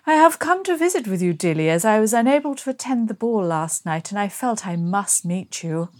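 A woman voicing an eager, rich young gentleman who speaks in a hurried, pompous toff voice. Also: mid-range voice, expressive, lightly acted.

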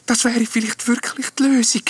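A man voicing a small, sad and hopeful ghost, speaking softly in a whispery way in a storybook reading. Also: extremely high pitch, level tone, moderate pace, slightly rough, pitched above the performer's own voice. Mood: hopeful hushed. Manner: soft and whispery.

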